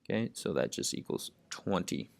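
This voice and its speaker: A man with a low, deep voice tutors math, working problems out loud step by step. He leans on "okay" as a constant verbal tic. The sound is close and dry, with no room around it. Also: big pitch swings, moderate pace, vocal fry, dry recording. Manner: says "okay" constantly, thinks aloud step by step. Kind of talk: lesson narration while writing.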